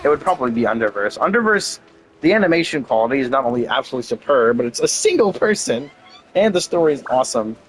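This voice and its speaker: A man casually rambling and thinking out loud as he plays a video game, swearing now and then. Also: mid-range voice, very animated, quick pace, slight background noise, rough recording. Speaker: gaming video creator. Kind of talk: casual gameplay commentary.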